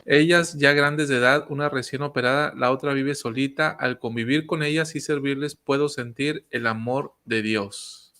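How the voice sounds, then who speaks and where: Un hombre que modera un programa religioso, lee comentarios de los oyentes y da la palabra a los participantes. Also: male voice, mid-range voice, steady tone, moderate pace, few pauses, pushed and bright. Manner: reads comments aloud, gives the floor to others. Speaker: discussion host. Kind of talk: moderating a church discussion.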